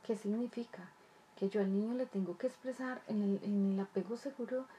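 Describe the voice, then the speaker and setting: A woman's voice: medium pitch, fairly quick, warm tone, lo-fi sound, a little hiss or hum. A woman talking earnestly to parents about raising children, repeating phrases and asking rhetorical questions. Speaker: child development speaker. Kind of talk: explanatory talk to parents.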